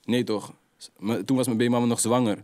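A young adult man tells stories in lively, slang-heavy talk. His voice sits at an ordinary middle pitch. The sound is dry and close. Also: quick pace, dry recording. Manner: animated, slang-heavy street storytelling. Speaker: guest rapper. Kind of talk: casual interview storytelling.

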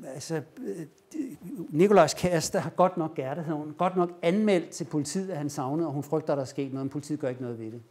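A man with a fairly high voice gives a lecture, telling a story in lively fashion. He acts out the lines he quotes. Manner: animated retelling, acting out quoted lines. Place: lecture room.

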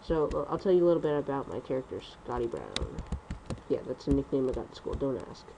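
A young man rambling through casual gameplay commentary at home on a computer mic, talking fast and correcting himself. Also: medium pitch, vocal fry, background noise. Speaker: gaming commentator.

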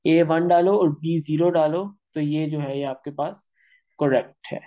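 Warm and unhurried, this fairly high male voice explains chemistry problems one step at a time on a worksheet shown on screen, speaking Hindi sprinkled with English terms and calling students "beta." His tone stays steady despite a slightly sore throat, and the voice-over has a lo-fi sound.

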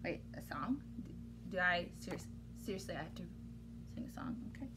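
A woman in her thirties reads a picture book aloud to children in a teacherly way, theatrical and exaggerated with a playfully exasperated edge. Her voice is on the low side, brisk, with big swings in pitch. It's a home recording in a small indoor room, with noticeable background noise.

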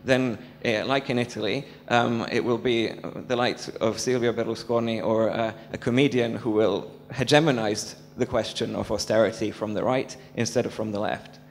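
A young man from Serbia asking an earnest question from the audience into a handheld mic, talking fast with many fillers. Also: medium pitch, steady tone. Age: young adult. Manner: rapid and earnest, thick with fillers. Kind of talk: public Q&A question. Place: large dark hall with an audience, standing. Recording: hall reverb with a faint hum.

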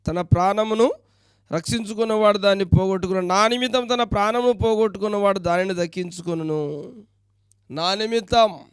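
A man's voice: high-pitched, smooth, dry recording, clean studio sound. A male pastor preaching a sermon, firing rhetorical questions at the listeners and reading scripture passages aloud.

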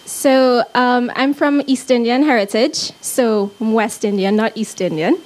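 A woman's voice: a little high, fairly even intonation, measured pace, darkish tone. A woman from Trinidad and Tobago, a ship volunteer, answering questions on stage with friendly, slightly hesitant speech. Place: ship's lounge stage. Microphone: handheld mic.

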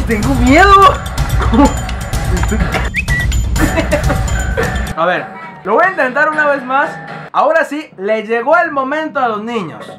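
A man playing a horror game and talking to himself, panicking often and repeating words fast. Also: sits high. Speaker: gaming youtuber. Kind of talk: horror game let's play. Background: loud game music.

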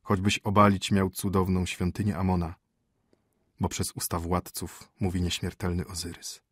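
A solemn old high priest, calm and measured, speaking low and hushed, as a male reader puts him on. The voice is deep and husky, and the recording is dry and close. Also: dry recording.

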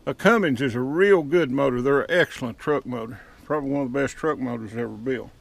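A man's voice: mid-range voice, fast talker, gravelly. A man, giving a casual walkaround tour of his sawmill yard outdoors, talking in folksy dialect into a head-mounted camera. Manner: folksy rural dialect with double negatives. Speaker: sawmill owner. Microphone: head-mounted action camera.

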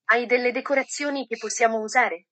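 A woman voicing a lively, cheerful squirrel in a storybook, bouncy and excited. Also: a little high, a little fast.

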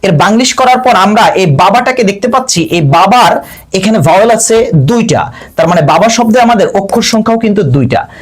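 Young male tutor with a high voice, patient, step by step. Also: animated, brisk. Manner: patient, explains step by step, addresses students directly. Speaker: teacher. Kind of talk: lesson narration.

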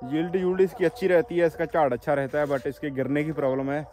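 A man's voice: on the high side, rapid-fire, over loud music. A man with a Punjabi accent, a farmer vlogger narrating and reflecting on how his season is going. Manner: reflective, explains his farming choices.

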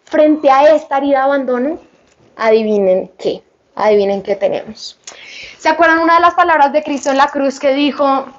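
A woman's voice: high voice, moderate pace, muffled recording. A woman preaching a sermon at a healing retreat, fervently addressing her listeners and putting questions to them.

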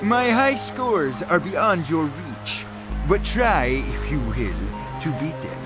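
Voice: medium pitch, sing-song, slow pace. An actor voicing a haughty robot alien who hosts a sci-fi arcade game, speaking in a grandiose, condescending way through a robot voice effect. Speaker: game announcer. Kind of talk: scripted game voice lines. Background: loud game music.

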